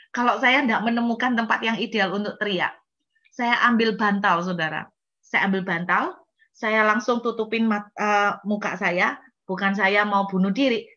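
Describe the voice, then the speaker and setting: A woman pastor preaching in a lively, conversational way with a slight tinge, now and then acting out cries and prayers. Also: medium pitch, lo-fi sound. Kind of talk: sermon.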